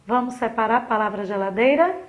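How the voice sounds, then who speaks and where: A woman's voice: fairly high pitch, animated, fairly quick. A woman from Sergipe in Brazil, a primary school teacher giving a recorded remote lesson to children, patient and fond of diminutives.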